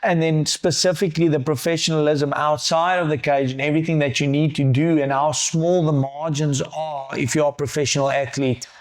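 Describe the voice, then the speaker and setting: A man's voice: fairly high pitch, fairly even intonation, brisk, few pauses. A man with a South African accent, an MMA coach interviewing his fighter, who restarts and repeats words as he builds long questions. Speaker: MMA coach and podcast host. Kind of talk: podcast interview.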